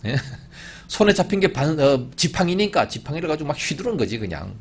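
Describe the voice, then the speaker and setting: A middle-aged man preaching from the pulpit with a slightly husky, breathy voice. His pitch sits a little high and swings widely as he presses rhetorical questions and bursts into loud emphatic rises. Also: very animated, fairly quick. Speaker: pastor. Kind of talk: sermon.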